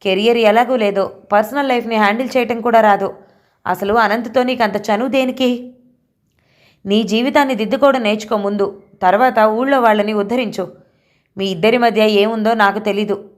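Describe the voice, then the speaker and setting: A woman's voice: medium pitch, close to an everyday voice. A woman voicing a stern middle-aged mother who scolds in a harsh, cutting, reproachful way, in an audio novel.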